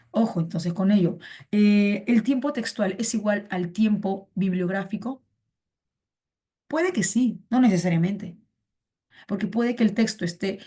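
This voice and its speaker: With a mid-range, dark-toned voice, a woman teaches a pre-university reading class online. She is chatty, repeats her phrases and points to the students, and calls them "chiqui."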